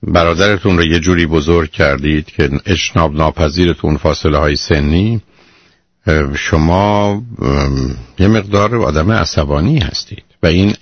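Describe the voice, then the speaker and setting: A man's voice: very deep voice, dry recording. A man hosting a call-in advice show, counseling a caller in a blunt, lecturing way and calling her "dear", heard as a muffled radio broadcast.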